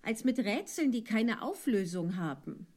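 A man voicing a polite, curious young girl in a storybook reading, in a high put-on voice. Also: very animated, unhurried, a little mellow, exaggerated voice. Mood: earnest. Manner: earnest, polite.

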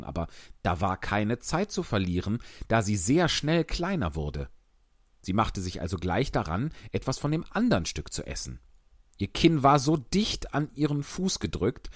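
A man narrating a storybook in an expressive, animated reading. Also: lowish voice, dry recording, studio quality.

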